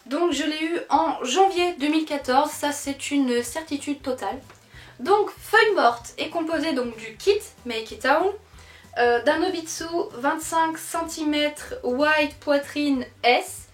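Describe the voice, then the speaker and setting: A young woman chatting casually on her vlog about her doll collection, lively, with many fillers and self-corrections. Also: high-pitched, takes it slowly. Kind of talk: casual chat. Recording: echoey room.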